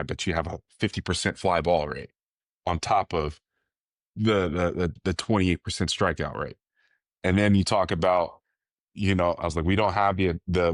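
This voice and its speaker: A man's voice: low voice, dry recording, clean studio sound. A young adult man talking casually as a podcast guest, rambling and restarting his sentences, with lots of "you know.". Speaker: podcast guest, baseball coach.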